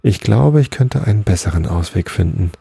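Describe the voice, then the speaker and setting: Sly old adder, grudging and vengeful, gravelly, dark, read by a man. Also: sits low, animated, normal speed, no echo, full character voice. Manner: quiet, hissing storyteller delivery.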